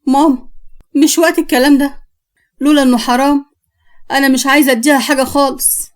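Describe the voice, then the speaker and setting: Blunt resentful egyptian sister, high voice, a woman doing her. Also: steady tone, fast, lightly acted. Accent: Egyptian Arabic.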